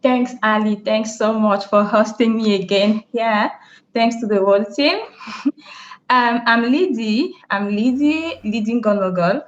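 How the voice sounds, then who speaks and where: Bright-voiced woman over dull call audio. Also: fairly high pitch, a little slow. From Cameroon. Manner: friendly, light laughs. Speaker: panelist, security officer. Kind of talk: panel conversation. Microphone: video call.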